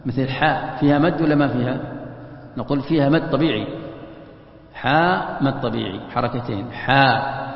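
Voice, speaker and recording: Male teacher, gravelly voice, lesson recorded muffled in a roomy hall. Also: medium pitch, fast talker. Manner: explains step by step, drawing out letters to demonstrate. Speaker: Quran commentary teacher. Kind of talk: religious lesson. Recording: dull echoey hall recording.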